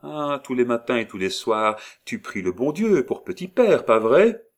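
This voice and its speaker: A man's voice: medium pitch, big pitch swings, a little slow, pitched above the performer's own voice. A man voicing a crafty man disguised as an old woman who sweet-talks a child in an audiobook. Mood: coaxing. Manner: wheedling, sweet-talking a child. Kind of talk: audiobook character voice.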